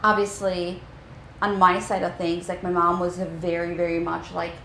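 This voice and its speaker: A woman from Albania co-hosting a casual podcast, telling stories in a chatty, animated way and laughing often. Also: lowish voice, normal speed, echoey room, slight background noise, low-quality recording. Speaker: podcast co-host. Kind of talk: casual chat.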